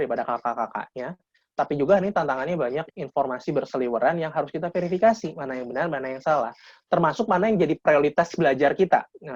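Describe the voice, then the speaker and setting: Fast-talking man in his thirties on a video call. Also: mid-range voice, a little mellow, no echo. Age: 30s. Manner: casual lecturing, frequent restarts. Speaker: guest speaker. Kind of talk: webinar talk. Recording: dull lo-fi video call audio.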